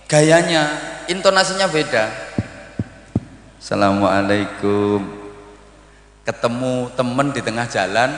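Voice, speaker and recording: A middle-aged man with an East Javanese accent giving a humorous sermon to students, lively and switching into Javanese asides. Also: on the high side. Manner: lively, mixes Javanese asides, acts out greetings in varied voices. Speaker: Islamic preacher. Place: large hall at a boarding school event. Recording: echoey hall, live sermon.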